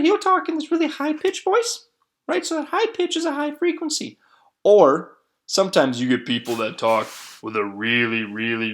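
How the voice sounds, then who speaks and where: A man giving a classroom lecture at a middle pitch, explaining step by step. He keeps tagging his points with a questioning "right?". He often repeats a word while he looks for the next one. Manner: repeats words while searching for them. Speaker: teacher.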